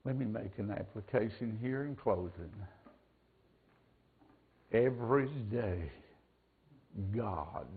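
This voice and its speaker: Slow-preaching man at a pulpit microphone. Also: medium pitch, breathy edge. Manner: slow, deliberate preaching that drops to a hush and swells up again. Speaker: pastor. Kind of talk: sermon. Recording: tinny lo-fi church recording.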